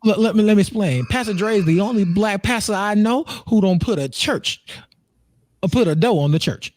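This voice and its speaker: An American man in his thirties, a podcast co-host and streamer, chats casually in a group conversation, joking, repeating himself and swearing freely. His voice sits high with a darkish tone, and he talks a little fast. There's no echo.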